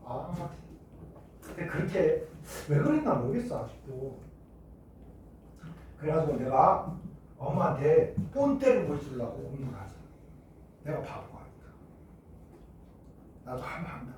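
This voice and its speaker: A middle-aged chemistry teacher from Jeju Island talks to his class in a high voice that swings widely in pitch. He spins a childhood story with animated acted-out voices before returning to the lesson. He is recorded from a distance in a strongly echoing room. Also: unhurried, long pauses, slight background noise. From Jeju Island, Korea. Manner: animated, acts out shouting voices in his stories. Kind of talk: classroom lecture with personal storytelling. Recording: echoey room, mic far off.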